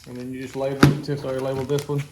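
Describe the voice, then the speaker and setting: A man's voice: medium pitch, monotone, rapid-fire, roomy sound, heavy background noise. A man casually explaining a home cooking task in a rambling, easygoing, self-joking way. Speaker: homestead vlogger. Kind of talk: casual how-to vlog.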